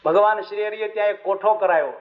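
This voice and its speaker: A man preaching a devotional sermon, telling stories in a lively way and asking his listeners questions. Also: sits high, fast. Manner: animated storytelling with questions to listeners. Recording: dull recording with faint music.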